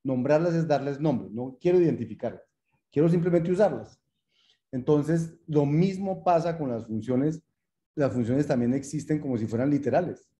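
Very dark-voiced male programming lecturer. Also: on the high side, normal speed. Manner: patient, repetitive explaining with rhetorical check-ins; addresses students formally, thinks aloud while typing. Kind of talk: lecture with live coding.

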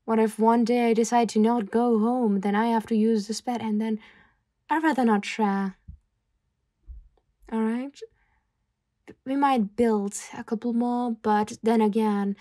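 A woman with a mid-range voice plays a calm, worldly mafia boss in an ASMR roleplay, gently advising an employee in a soft, intimate tone. The recording is dry and studio quality.

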